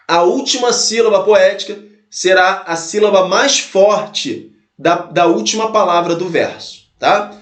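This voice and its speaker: A man's voice: high-pitched, echoey room. A man teaching an exam-prep lesson, explaining step by step, repeating his points and checking in with his students. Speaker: Portuguese teacher.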